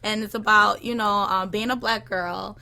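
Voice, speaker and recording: A young woman co-hosting a podcast in casual chat, excitable and quick to laugh loudly. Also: mid-range voice, vocal fry. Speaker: podcast co-host.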